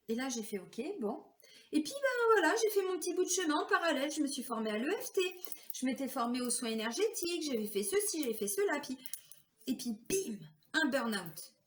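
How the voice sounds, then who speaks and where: A woman's voice: high-pitched, very animated, brisk, roomy sound. A woman telling her personal story in a chatty way, with many fillers, sometimes acting out the voices of others. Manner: chatty, lots of fillers, acts out quoted voices. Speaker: vlogger and card reader.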